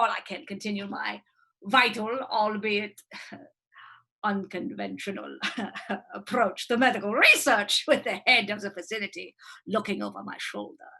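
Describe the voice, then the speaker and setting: A woman's voice: medium pitch, bright, forceful tone, heavily acted. A woman voicing a scheming female mad-scientist witch doctor in a livestream script reading, theatrical and gloating with sinister chuckles.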